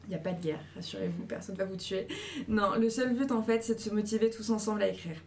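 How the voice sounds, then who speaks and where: A woman's voice: medium pitch, fairly even intonation, quick pace, gravelly, darkish tone, slight background noise. Chatty encouraging woman giving advice. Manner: encouraging, chatty, many fillers. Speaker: host giving writing advice. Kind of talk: casual advice talk to viewers.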